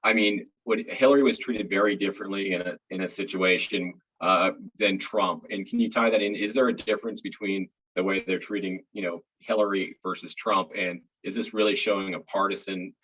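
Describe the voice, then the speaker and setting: A man's voice: low voice, fairly even intonation, fairly quick, hardly any pauses, fairly bright tone, slightly rough. A man moderating an online panel, asking loose, hesitant questions over muffled call audio.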